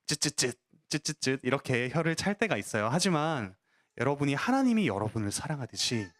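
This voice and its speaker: Lively storytelling male pastor. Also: mid-range voice. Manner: animated storytelling aimed at children; asks the listeners questions and answers them himself. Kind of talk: sermon.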